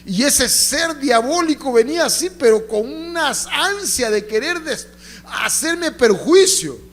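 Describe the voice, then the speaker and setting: High-voiced preaching pastor. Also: male voice, animated, measured pace. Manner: call-and-response preaching, asks congregation to repeat; swings between loud emphatic lines and hushed storytelling. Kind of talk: sermon. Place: church.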